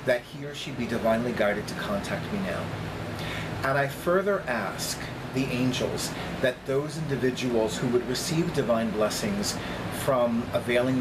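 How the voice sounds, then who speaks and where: A middle-aged man, a vlogger and psychic reader, chats casually to camera from a small indoor apartment room beside a kitchen. His mid-range voice carries deliberate, emphatic phrasing with lots of repetition, under heavy background noise.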